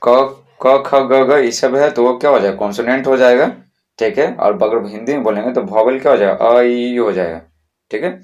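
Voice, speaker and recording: A man's voice: medium pitch, a little mellow, muffled recording. Man, patient schoolteacher explaining step by step, mid-range voice. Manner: slow, repetitive classroom explaining with frequent checks. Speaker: teacher.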